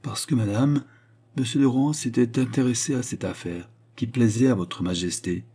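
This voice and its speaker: A man's voice: mid-range voice, moderate pace, dark tone, husky, pitched above the performer's own voice, natural voice. A man voicing a sly noblewoman feigning innocence. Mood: feigned meekness. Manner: guarded, falsely meek. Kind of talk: audiobook reading.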